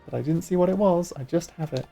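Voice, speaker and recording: A man casually commenting while playing a video game, making wry deadpan jokes. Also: fairly high pitch, fast, gravelly, faint music behind. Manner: wry, joking, deadpan asides.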